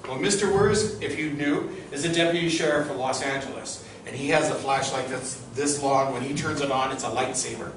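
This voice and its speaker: A middle-aged man with a mid-range voice talks a little fast, barely pausing, while leading an informal guided tour. He chats, tells stories and puts questions to the group, captured in a distant, noisy recording with heavy echo.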